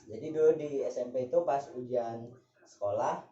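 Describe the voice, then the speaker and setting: In a relaxed chat with some singing, a young guest from Java, Indonesia, laughs frequently and jokes in slang. He has a warm, mid-range voice at normal speed, with slight hiss or hum and a distant, echoey, dull recording.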